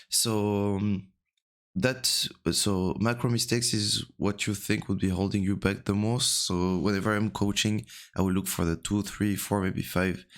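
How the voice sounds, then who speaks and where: A man coaching a player over a call. He has just woken up and talks quietly into a close mic, rambling with many fillers. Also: sits low, creaky. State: just woke up. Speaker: game coach. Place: home room at night.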